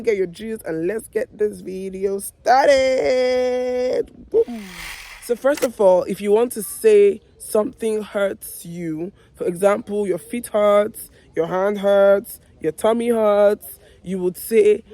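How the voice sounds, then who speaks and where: An online language teacher with a Nigerian accent hosts a video lesson while hoarse and losing her voice. Speaking directly to viewers in a mellow, medium-pitched voice, she repeats example phrases slowly and deliberately.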